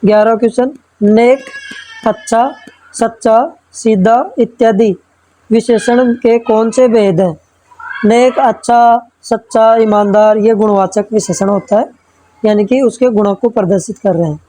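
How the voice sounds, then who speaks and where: A woman's voice: fairly high pitch, unhurried, dark tone, slight background noise, poor audio. Methodical woman teacher walking through exam questions. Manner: reads each question then explains answer step by step; checks in with frequent tag questions. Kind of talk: exam-prep lesson.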